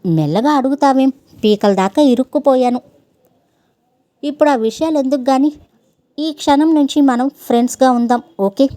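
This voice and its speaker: A determined young tutor who talks people round with earnest persuasion, as a woman reads him aloud. The voice is mellow and warm, pitched fairly high. The telling stays even and storybook-like. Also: normal speed, long pauses, dry recording, close to an everyday voice.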